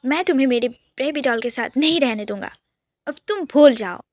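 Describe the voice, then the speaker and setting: A loud, mock-outraged young brother who teases his sister and her partner without letup, as a woman narrator puts him on. The voice sits high and dry, read close for a storybook. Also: lively intonation, moderate pace, no echo. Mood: teasing, mock-indignant. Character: teasing protective young adult brother.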